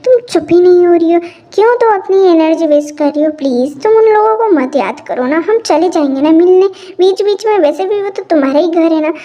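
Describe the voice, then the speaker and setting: Woman doing a teasing young husband, high. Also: expressive, fairly quick, warm tone, dull audio. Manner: teasing, coaxing. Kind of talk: amateur fan audio drama.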